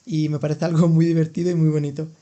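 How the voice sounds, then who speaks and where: On lo-fi audio, a young man from Andalusia, Spain, talks fast in a warm, slightly high, level voice. As host and language teacher of a laid-back language-learning podcast, he patiently explains expressions and gives examples.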